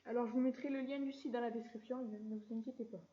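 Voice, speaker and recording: Woman, casual tutorial host, slightly high voice, relaxed slangy talk, dull lo-fi computer mic. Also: quick pace. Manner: chatty, relaxed, keeps saying "voilà" and drops mild slang. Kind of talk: casual screen-recorded software tutorial.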